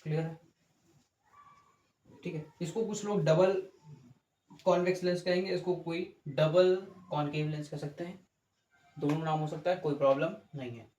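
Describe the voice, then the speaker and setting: In a physics lecture recorded in an echoey room with faint background noise, a male teacher works through each step while drawing, checking understanding with questions and fixing his own slips. His mellow voice sits on the high side, steady and moderately paced, with frequent pauses.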